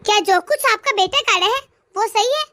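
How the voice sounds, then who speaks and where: A defiant young widowed daughter-in-law from a cartoon, voiced by a woman. Her voice is very high and bright, full of indignation and pleading. The sound is dry. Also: brisk, no echo. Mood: indignant. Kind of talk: cartoon voice acting.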